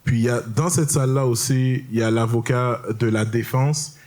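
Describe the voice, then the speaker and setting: On a comedy stage, a young male stand-up comedian tells stories in a casual, slangy way and explains things to the crowd. His mid-range voice is steady and darkish, moving at a moderate pace.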